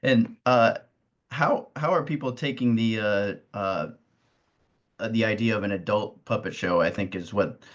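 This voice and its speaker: Hosting a casual interview, a man speaks at a normal speed in a lowish voice, his phrasing hesitant. The audio is slightly muffled.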